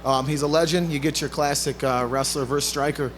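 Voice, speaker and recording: A man gives punchy, self-assured boasts as a fighter at a press conference. His delivery is rapid and level in pitch, with faint room noise behind him. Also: fairly even intonation.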